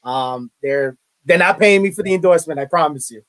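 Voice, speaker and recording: Brisk and fairly high-pitched, a middle-aged man from Brooklyn, New York, speaks with a Brooklyn accent as an interview guest. He's a college media relations director, chatting casually, repeating words often, and adding self-deprecating asides.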